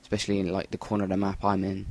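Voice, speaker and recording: English guy rambling over his gameplay, deep flat voice, swears a lot, cheap usb mic. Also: racing. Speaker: gameplay commentator. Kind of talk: casual game commentary voice-over. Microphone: Rock Band USB mic.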